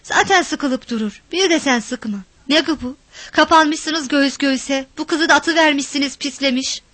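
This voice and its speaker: A woman doing a shrill village mother yelling. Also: normal speed, no echo. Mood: scolding. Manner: shrill scolding calls. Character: loud fiery village mother, shouting.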